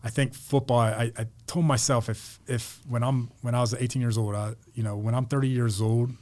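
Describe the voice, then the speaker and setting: A middle-aged man from Pennsylvania talks as a podcast guest, his stories loose and full of restarts. His voice sits at an ordinary mid pitch and his delivery stays relaxed and conversational. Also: fairly quick. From Pennsylvania, United States. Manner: rambling, with many restarts and repeated words. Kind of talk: casual storytelling interview.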